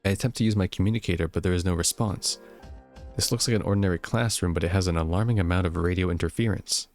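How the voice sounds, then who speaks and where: A young gameplay narrator with a deep, low voice reads a game's story text aloud, talking fast but keeping a steady rhythm. When he occasionally stumbles over a word, he jokes about it. Faint game music plays in the background.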